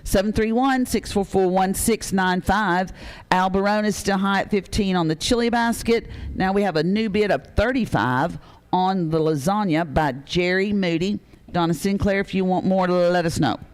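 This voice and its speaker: A man's voice: sits high, normal speed, clear, resonant tone. A man hosting a live charity auction, reading off bids and names in a folksy way with frequent fillers.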